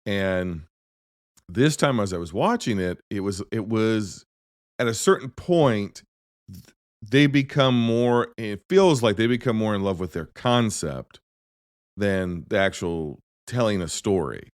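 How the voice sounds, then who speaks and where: Deep-voiced man rambling about movies. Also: a little slow, no room sound, clean studio sound. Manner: rambling, self-interrupting, animated storytelling. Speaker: podcast host. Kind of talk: casual movie chat.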